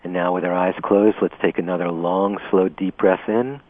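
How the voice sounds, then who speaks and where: A man leading a guided meditation in a slow, gentle, soothing way, heard over a narrow radio broadcast. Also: sits low, steady tone, dry recording. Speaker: meditation teacher.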